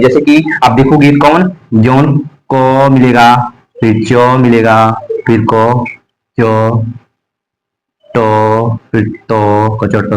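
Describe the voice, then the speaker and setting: Man, teacher, slow pace, exam-prep lesson, repeats letters, asks and answers his own questions. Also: medium pitch, low-quality recording. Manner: slow, drilling repetition of letters and terms; asks the class questions and answers them himself.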